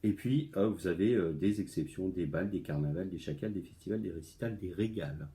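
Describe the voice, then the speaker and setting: A man's voice: deep voice, fairly quick, dark tone. A middle-aged man teaching a spelling lesson to a class at home, chatty, with many fillers and restarts, sounding words out aloud as he explains. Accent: French. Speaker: primary school teacher.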